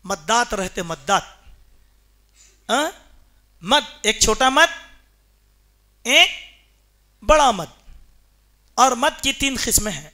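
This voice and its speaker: A male preacher delivers a Friday sermon in a mosque. His voice sits very high and rings bright. He drives his points home emphatically and keeps firing rhetorical questions at the congregation. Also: expressive, pauses often.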